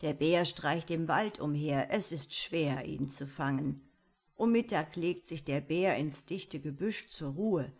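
A woman doing a low-voiced old forest mannikin. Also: slow pace, darkish tone, heavily acted. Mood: instructing. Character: old grey little man, forest helper, calm and wise.

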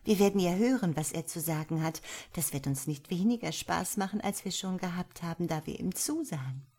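A woman voicing a scornful noble lady who teases a freezing suitor with mock sweetness, in a breathy voice, for a storybook reading. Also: lowish voice, lively intonation, a little fast, mellow. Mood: teasing. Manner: teasing, sly, mock sweetness.

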